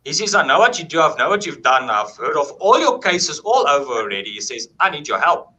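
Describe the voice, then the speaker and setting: A man telling a paranormal story in a casual, animated way, acting out quoted dialogue and swearing freely. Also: on the high side, brisk, poor audio.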